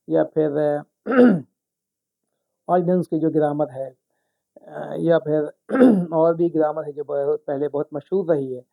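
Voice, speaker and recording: A man teaching spoken English who explains each word slowly, repeats it many times and spells it out letter by letter. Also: on the high side, vocal fry, phone-quality sound. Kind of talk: explanatory lesson.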